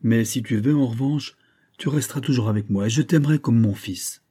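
An old gunsmith worn down by grief tells his own sad story, as a man reads him. His voice is very dark and mellow, with a husky edge, and he speaks in an emotional, confiding way, like a character in a spoken storybook. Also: medium pitch, brisk, close to an everyday voice. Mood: sorrowful. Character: grieving old Genevan gunsmith, tender, despairing.

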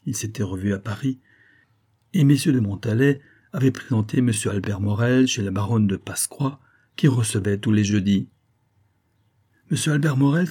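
A man narrating a classic novel in a measured storytelling manner. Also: mid-range voice, mellow, husky. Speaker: audiobook narrator.

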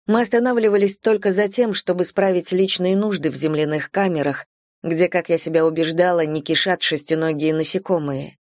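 A woman reading a novel aloud in the first person, her voice on the low side and her pacing measured. The recording is close and dry, with no room sound. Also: fairly even intonation, a little mellow, no room sound. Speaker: audiobook narrator. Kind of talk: scripted narration.

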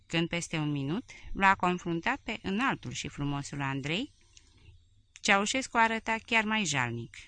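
A woman reading a memoir aloud in a measured, clearly articulated narration. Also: fairly low pitch, animated, pushed and bright. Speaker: audiobook reader.

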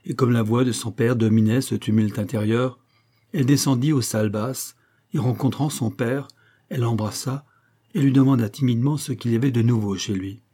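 Man reading an old novella, steady even pace, warm dark tone. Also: medium pitch, brisk. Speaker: audiobook reader. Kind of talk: scripted narration of a classic novella.

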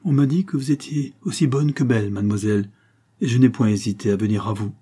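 A man reading the lines of a melancholy exiled convict of about thirty, speaking gravely and gently. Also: mid-range voice, fast, natural voice. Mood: mournful.

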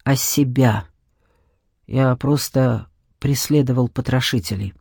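A reader doing a cruel shadow mage, a man whose low, rough voice hisses and sneers with cold menace and an odd, unnatural tone. His words sound deep and clipped in a dry, close recording. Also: takes it slowly, a little mellow, no room sound, exaggerated voice. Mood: sneering. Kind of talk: audiobook reading.

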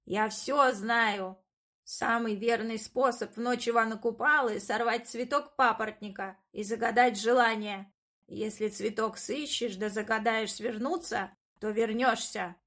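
A cunning old witch from a storybook, voiced by a woman reader speaks in a slow, drawn-out, emphatic way. She is boastful and quick to take offence, and she leans hard on each claim. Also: a little high, fairly even intonation, a bit bright. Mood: indignant. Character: sly old witch Baba Yaga, boastful, touchy.

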